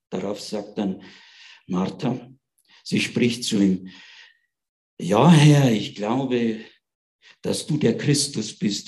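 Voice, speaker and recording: A man's voice: fairly low pitch, darkish tone. A man giving an informal Bible talk, retelling scripture in everyday speech and often checking in with his listeners. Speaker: preacher.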